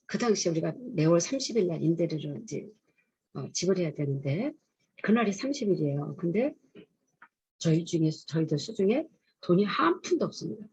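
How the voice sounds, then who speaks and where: A middle-aged woman shares her testimony at a chapel service, telling her story earnestly and openly. Her voice sits low and mellow, with a strongly husky, breathy edge. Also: big pitch swings, a little fast, muffled recording. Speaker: pastor's wife giving testimony. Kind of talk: testimony sermon.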